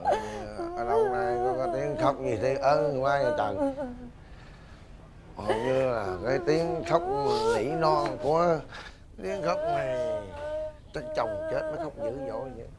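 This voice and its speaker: An actor playing a loud, panicky husband who is boss to his drinking friends, with an exclamatory way of talking. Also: high voice, normal speed, creaky, over a noisy crowd, exaggerated voice. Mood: panicked. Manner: excitable, exclamatory.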